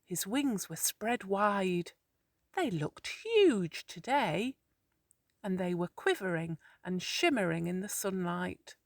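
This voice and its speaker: A woman narrating a calm, therapeutic children's story in a soothing, measured way. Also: mid-range voice, no echo, clean studio sound.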